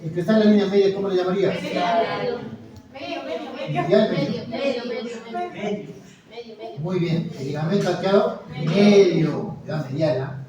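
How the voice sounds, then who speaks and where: Male lecturer, fairly high voice, questions the class constantly; recorded far off in a reverberant room. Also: measured pace, long pauses, muffled recording, a loud crowd. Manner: quizzing, encouraging, frequent "muy bien" and "¿ya?". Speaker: anatomy lecturer. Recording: echoey lecture hall, mic far off, students audible. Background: students murmuring and answering.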